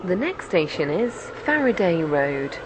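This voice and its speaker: Casting: woman playing formal train announcer for a game, lower register, slow scripted station announcements, train rumble behind. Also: big pitch swings. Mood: measured, formal. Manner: measured, formal public-announcement delivery. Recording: clear train rumble noise. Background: train vehicle ambience in a simulator game.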